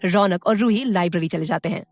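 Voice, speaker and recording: A woman's voice: lowish voice, a little fast, dry recording, faint music behind. A woman narrating a scripted audio story, with friendly asides to the listener.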